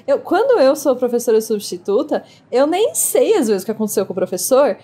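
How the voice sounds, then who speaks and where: A woman's voice: sits high, big pitch swings, a little fast, warm tone, breathy edge. A woman co-hosting a book-club podcast, talking in a playful, joking way. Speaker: podcast co-host. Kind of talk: casual book-club chat.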